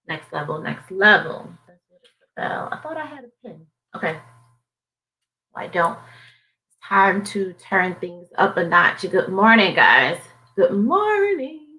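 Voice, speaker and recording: A woman's voice: lowish voice, gravelly, bright, forceful tone, poor audio. A woman with a Southern US accent, a financial coach chatting casually on a live stream, upbeat and repeating herself for motivation. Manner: upbeat, repetitive motivational talk.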